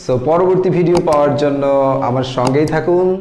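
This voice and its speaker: A man's voice: fairly high pitch, brisk, mellow, slight background noise. A man giving an English pronunciation lesson, slipping English words and phrases into his teaching. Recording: echoey room.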